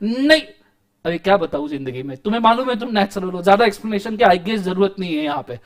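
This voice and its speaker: A young man lectures on law in a very high, bright-sounding voice. He teaches with jokes and theatrical asides, mocking and praising as he explains. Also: lively intonation, fast. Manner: joking, theatrical teaching with mock sayings. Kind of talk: classroom lecture.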